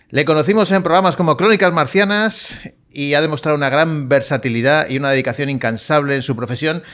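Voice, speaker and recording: A man hosting an interview podcast, presenting his guest in a measured, formal way and then asking questions. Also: on the high side, a bit bright. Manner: measured, formal, emphatic when introducing. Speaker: podcast host. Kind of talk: scripted guest introduction and interview.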